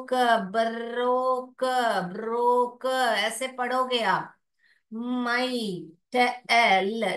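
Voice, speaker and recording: A woman teaching phonics, sounding out each word letter by letter at a very slow, patient pace. She explains in Hindi mixed with English, her voice sitting a little high. The room is echoey. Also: fairly bright tone. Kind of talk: phonics lesson.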